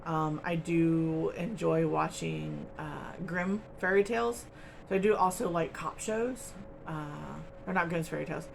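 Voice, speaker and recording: A woman hosting a crochet channel talks casually to her camera at home, wandering from point to point with plenty of ums. Her voice has a gravelly edge. A faint hiss of noise sits behind her. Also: deep voice, fairly even intonation, a little slow. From United States. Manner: chatty, rambling, with frequent ums and little laughs.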